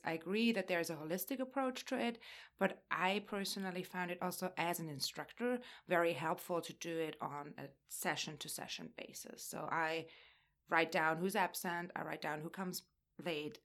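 A woman with a somewhat low voice speaks at a panel. She is a literature instructor and not a native English speaker, and she explains her approach in a measured, careful way. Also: fairly bright tone. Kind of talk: panel discussion answer.

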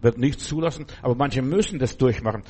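A man's voice: mid-range voice, fairly quick, a little mellow, husky. A man preaching a sermon who addresses listeners directly and often checks with them, acting out cries for help in a raised voice.

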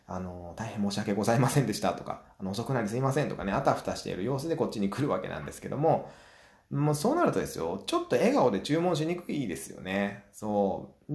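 A man talks through his own advice show in a chatty way, acting out small scenes and leaning on filler sounds between thoughts. His pitch jumps around a lot as he goes. The recording has a roomy echo to it. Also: a little mellow. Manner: chatty, acts out little scenes. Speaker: podcast host. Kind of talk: solo advice talk show.

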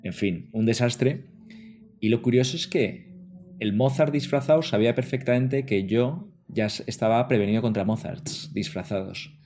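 A man's voice: mid-range voice, moderate pace, a little mellow, a little hiss or hum. A man, co-hosting a casual chat in a wry, self-mocking way. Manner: wry, self-mocking, addresses the others directly. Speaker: podcast co-host. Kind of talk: casual conversation.

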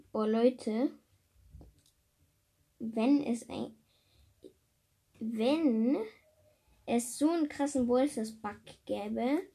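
A woman's voice: on the high side, vocal fry, mellow, husky. A woman hosting a casual podcast from home, rambling with many fillers and repeated words. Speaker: podcast host.

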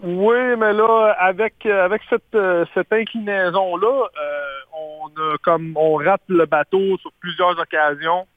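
A man with a Québécois accent, a baseball analyst guest talking casually, halting with many fillers and restarts, heard over the phone. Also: high voice, fairly even intonation, dry recording. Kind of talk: casual phone-in radio chat. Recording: tinny phone line.

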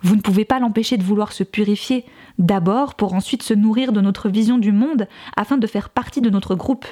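A woman's voice: medium pitch, fairly quick, dark tone, close to an everyday voice. A woman reading a smug preachy cult man. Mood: disdainful. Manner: dismissive, preachy. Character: disdainful male cult leader, smug.

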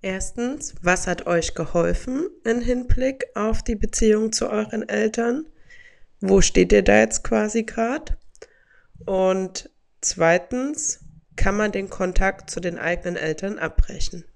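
A woman in her forties hosts a podcast in a casual monologue, reflecting aloud and reading messages from her followers. Her mid-range voice has some vocal fry and moves a little slowly.

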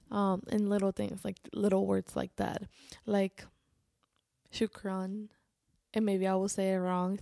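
A vlogger with a creaky, mid-range, slightly mellow voice tells a personal story casually to camera. She's informal and halting, often restarting sentences and quoting herself, recorded at studio quality with no echo.

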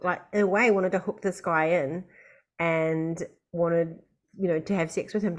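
Woman podcast host with a lowish voice. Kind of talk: conversational podcast hosting.

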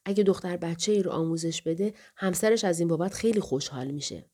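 A woman reading the part of the spirit of a young woman in an audiobook, soft and coaxing. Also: lowish voice, husky.

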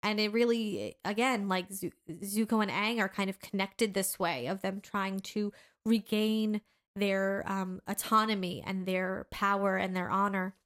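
A young woman in casual podcast chat with a mid-range voice. She gushes and gets excitable, often slipping into quick impressions of characters. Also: mid-range voice. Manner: gushing, excitable, acts out characters' lines. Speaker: podcast co-host.

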